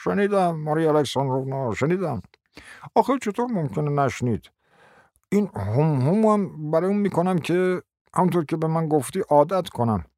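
A man voicing a meek, dim-witted middle-aged husband who asks timid, halting questions in an audiobook reading. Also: fairly high pitch, expressive, darkish tone, no room sound, clean studio sound, pitched above the performer's own voice. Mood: hesitant.

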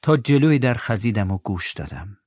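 A man narrating a storybook in a calm, measured way. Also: fairly low pitch, dry recording, clean studio sound. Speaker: audiobook narrator.

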